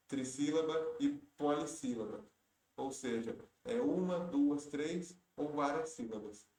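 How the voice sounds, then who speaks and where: A man teaching Portuguese grammar for exam prep. He works through each question step by step, patiently, and often stops to correct himself. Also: medium pitch. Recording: roomy echo.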